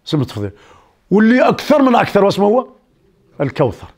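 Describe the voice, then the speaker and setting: Moroccan preacher, man, fairly high gravelly voice, animated storyteller who fires questions at the crowd. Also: very fast. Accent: Moroccan Arabic. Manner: animated storyteller who quizzes his listeners. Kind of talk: lively sermon mixing dialect and classical Arabic.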